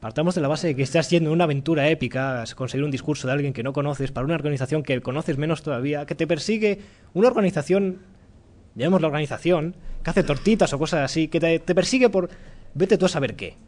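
A man with a Spanish accent from Spain giving a relaxed, joking live-coding talk in a lecture room, thinking aloud as he goes. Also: a little high, fast. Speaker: conference speaker.

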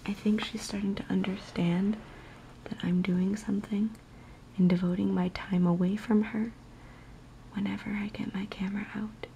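A young woman giving a soft-spoken, whispered ASMR chat in a gentle, unhurried, soothing murmur. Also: medium pitch, flat delivery, gravelly, a little hiss or hum, low-quality recording. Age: young adult. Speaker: ASMR video maker.

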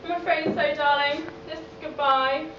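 A hapless young Victorian student hero acted by a woman declaims with naive earnestness in a pantomime. The very high voice reaches a distant camera through echo and background noise. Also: little pitch movement, moderate pace, lightly acted. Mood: earnest, forlorn. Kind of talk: stage pantomime acting. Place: on stage in a theatre hall. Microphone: distant camera in the audience. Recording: echoey theatre, distant camera, dull, noisy.

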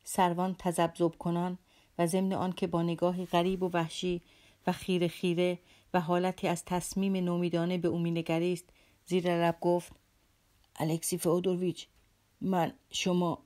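Low-voiced woman narrating an audiobook. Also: monotone, dark tone. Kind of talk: scripted literary narration.

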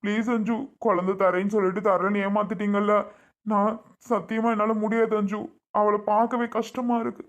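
A woman's voice: mid-range voice, flat delivery, brisk, lightly acted. A desperate young husband, begging on his knees and repeating the same plea again and again, as a woman acts him out. His voice is close to an everyday one, pushed up and strained by begging. He is one of the figures in a home drama skit. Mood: pleading. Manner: pleading, repeating a name over and over.

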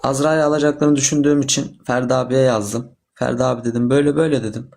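A man's voice: mid-range voice, fairly even intonation, fast talker, vocal fry, darkish tone. A teenage boy of seventeen talking earnestly and casually as a livestream guest, polite and deferential.

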